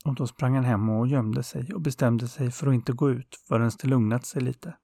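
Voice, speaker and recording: Gravelly man telling a folktale. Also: medium pitch, dry recording, clean studio sound. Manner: calm, unhurried telling with small fillers. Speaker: storyteller. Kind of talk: oral folktale narration.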